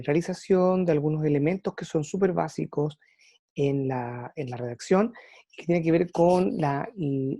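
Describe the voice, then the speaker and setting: A woman teacher lectures to her students, pausing often on fillers as she gathers her thoughts. Her voice sits a little low and sounds mellow. The recording is close and dry. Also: no echo. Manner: thinking aloud with frequent "eh" fillers and restarts. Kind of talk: online class lecture.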